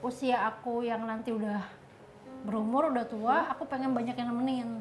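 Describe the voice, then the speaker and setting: A woman in her thirties with an Indonesian accent, a panel guest speaking brisk and confident. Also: fairly high pitch, steady tone, faint music behind. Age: 30s. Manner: brisk, confident, laughs easily. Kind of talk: casual chat.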